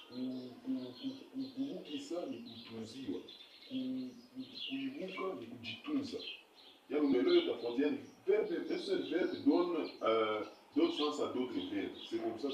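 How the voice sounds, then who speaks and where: Halting man teaching in an echoey room. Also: mid-range voice, animated. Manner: halting, many fillers and repeated syllables; explains slowly, asks "vous comprenez?". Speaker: language teacher. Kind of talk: spoken language lesson. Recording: echoey, distant, noisy room.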